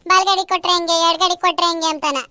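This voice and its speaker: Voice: extremely high pitch, steady tone, fast talker, sharp tone, no room sound, clean studio sound. A performer voicing pleading village women at a temple in a cartoon. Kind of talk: cartoon voice acting.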